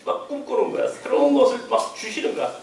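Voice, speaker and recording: A high-pitched man preaches with emphatic energy, firing rhetorical questions and chuckling asides. His voice fills a roomy church and reaches the mic from a distance, so it sounds slightly removed. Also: fast talker, a little hiss or hum. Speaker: pastor. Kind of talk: sermon. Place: church sanctuary.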